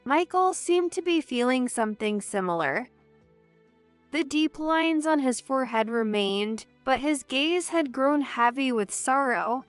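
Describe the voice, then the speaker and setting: A woman tells a first-person story in a slow, measured way. Her voice is slightly high, smooth and clear, recorded dry and close with faint music underneath. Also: lively intonation, no echo. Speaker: narrator.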